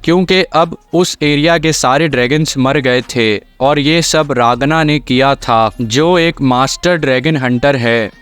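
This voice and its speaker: Man, anime recap narrator, steady storytelling, smooth clear mid voice, faint music behind. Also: mid-range voice, no room sound.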